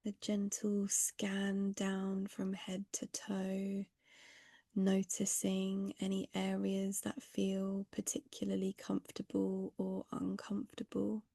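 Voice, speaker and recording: A monotone, mid-range female voice guides a meditation with slow, gentle pacing and long silences. It sounds mellow, breathy, and distinctly creaky, at times nearly a whisper, recorded with no room sound.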